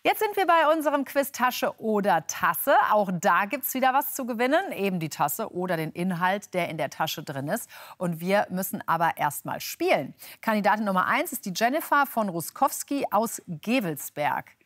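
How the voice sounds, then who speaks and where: A woman's voice: medium pitch, big pitch swings, moderate pace, hardly any pauses, fairly bright tone. A woman presenting a live TV magazine show, chatty and upbeat, with light improvised asides.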